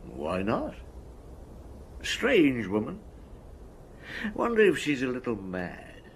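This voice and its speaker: An actor playing a shrewd middle-aged French police inspector who asks calm, measured questions in a naturalistic radio drama. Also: male voice, medium pitch, a little hiss or hum, exaggerated voice. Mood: reflective. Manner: measured, probing questions with thoughtful murmurs.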